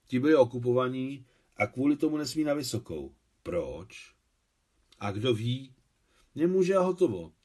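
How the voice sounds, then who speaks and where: Man reading a novel, lively intonation. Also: mid-range voice. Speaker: translator reading his own translation. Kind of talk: literary audiobook reading.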